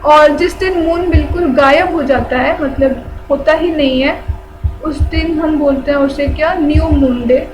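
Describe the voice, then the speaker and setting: High-voiced woman teaching, noisy recording. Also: a little slow. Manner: repeats key terms, asks and answers her own questions. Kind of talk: explaining a general-knowledge lesson.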